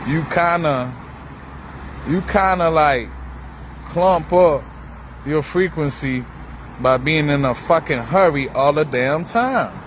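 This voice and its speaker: A man's voice: a little high, takes it slowly, pauses often. Man, casual profane street talk, rambling spiritual musings, outdoors by a road, faint traffic behind. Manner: repeats himself, drifts between thoughts. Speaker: vlogger. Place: outdoors beside a busy road. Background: faint passing traffic.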